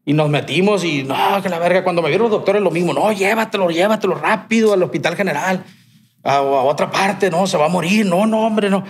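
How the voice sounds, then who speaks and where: His voice is high-pitched and a little fast: a man with a Sinaloan Mexican Spanish accent on a podcast, casually recounting a long personal story in rambling speech loaded with slang and swearing.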